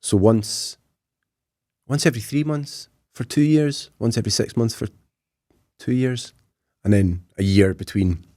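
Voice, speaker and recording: A man's voice: medium pitch, measured pace, pauses often, warm tone, no room sound, clean studio sound. A Scottish man in his thirties, a podcast guest talking casually and self-deprecatingly with lots of fillers. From Scotland.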